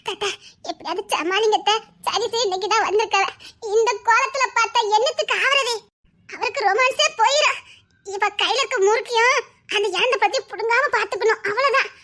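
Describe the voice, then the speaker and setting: A woman with a Tirunelveli Tamil accent, speaking in a very high, bright voice. She chatters fast and schemes through a village comedy sketch.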